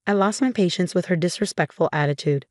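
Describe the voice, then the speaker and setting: A woman reading a family drama story aloud in an even, measured way. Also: on the low side, no room sound, clean studio sound. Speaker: narrator. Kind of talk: scripted story narration.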